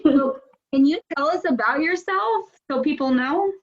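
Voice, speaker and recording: A chatty, upbeat woman hosting a casual interview over a video call. Her voice sits a bit high, and the call audio comes through muffled and lo-fi. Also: expressive, normal speed. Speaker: host, company head. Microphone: video call microphone.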